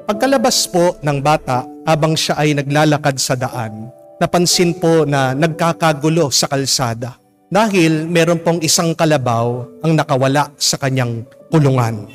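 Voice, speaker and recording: Gentle priest telling a homily story. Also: male voice, fairly high pitch, normal speed, faint music behind. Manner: gentle, polite storytelling with frequent respectful particles.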